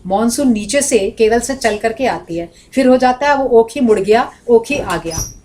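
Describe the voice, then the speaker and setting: A woman's voice: on the high side, animated, normal speed, a little mellow. A woman teaching a Sanskrit class, explaining points at length and breaking into spoken examples and recited sound drills. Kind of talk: classroom lecture.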